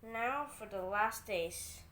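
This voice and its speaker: A woman's voice: mid-range voice, slow pace, fairly bright tone, a little hiss or hum, low-quality recording. A woman giving informal card magician patter, talking through each move step by step as she demonstrates and teaches a trick. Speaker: amateur card magician presenting a trick and tutorial.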